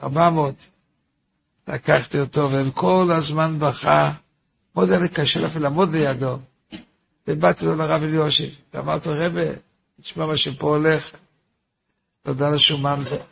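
A man's voice: on the high side, steady tone, creaky, pauses often, a bit bright, a little hiss or hum. A man, a rabbi giving a weekly Torah lesson, tells a story in a repetitive way, asks himself rhetorical questions and turns to his listeners with informal asides.

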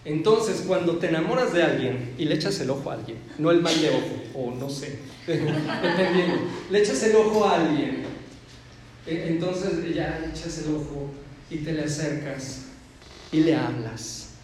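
A man's voice: a little high, expressive, moderate pace, darkish tone, slight background noise. A man with a Mexican accent giving a playful, joking lecture as a therapist and speaker, acting out little voices as he explains. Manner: playful, jokey, acts out quoted voices. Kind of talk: motivational lecture. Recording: echoey hall.

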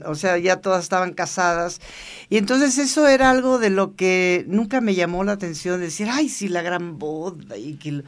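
Older woman telling lively stories. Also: on the low side, moderate pace. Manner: lively anecdotal storytelling, laughs often, acts out quoted dialogue. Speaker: interview guest. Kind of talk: casual storytelling interview.

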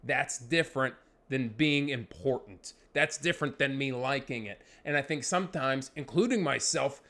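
A man's voice: medium pitch, fairly bright tone. A man hosting a podcast alone, rambling through a profane comedic rant. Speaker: podcast host.

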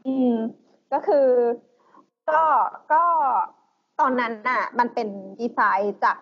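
A woman co-hosting a podcast in loose, slangy casual chat, halting often with fillers. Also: a little high, lo-fi sound. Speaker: podcast co-host.

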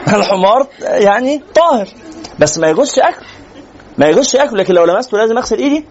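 A man with an Egyptian accent giving a religious lecture in a conversational, animated way, teasing and asking rhetorical questions. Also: high voice, racing, muffled recording, a little hiss or hum. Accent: Egyptian Arabic. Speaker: sheikh lecturer.

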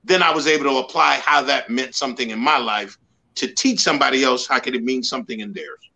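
Fast and creaky, his mid-range voice sounds pushed and bright. He's a Bronx-born motivational speaker and life coach in his sixties, telling his story as an interview guest with earnest emphasis and slogans he keeps repeating.

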